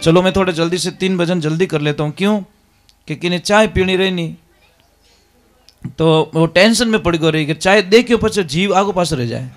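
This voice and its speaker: A man's voice: sits high, moderate pace, faint music behind. A man preaching a devotional sermon, emphatic and repeatedly calling his listeners maharaj. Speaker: religious preacher.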